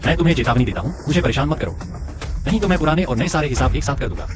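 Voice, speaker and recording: A man voicing a cocky young village man in a dubbed drama, smug and calmly threatening. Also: on the high side, rapid-fire, heavy background noise, lightly acted. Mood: warning. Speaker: lead character.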